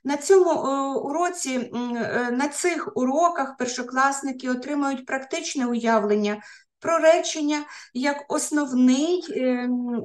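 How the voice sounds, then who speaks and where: A woman, an education researcher, lecturing teachers, pausing often on filler sounds and restarting words. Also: high-pitched. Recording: roomy echo.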